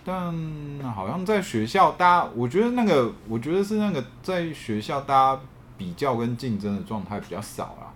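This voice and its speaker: A man's voice: medium pitch, very animated, normal speed, a bit bright, a little hiss or hum. A man with a Taiwanese Mandarin accent chatting casually and candidly, often repeating phrases as he thinks aloud. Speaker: podcast panelist. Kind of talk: casual chat.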